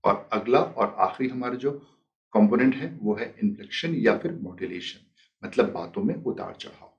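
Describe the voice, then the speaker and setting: A man's voice: on the low side, animated, moderate pace, far from the mic, lo-fi sound. A man teaching a life skills lesson, explaining step by step and acting out example sentences. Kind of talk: spoken lesson with demonstrations.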